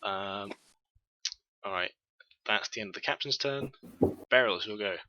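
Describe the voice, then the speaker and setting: A man's voice: on the low side, normal speed, sharp tone. A man narrating a tabletop game as game master, hesitant and full of filler sounds.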